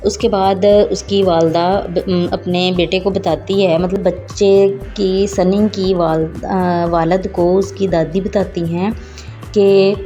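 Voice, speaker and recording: A woman retelling the plot of a drama episode in an unhurried recap, with some hesitations. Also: lowish voice, mellow. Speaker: drama reviewer.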